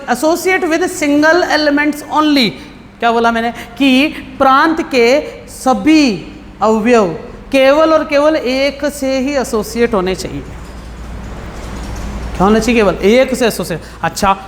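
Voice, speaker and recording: A man's voice: extremely high pitch, a bit bright. A man teaching math, throwing rhetorical questions at his students in a blunt, informal way. His voice has a long reverb behind it and a faint hiss. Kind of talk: classroom lecture. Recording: hall reverb with faint background noise.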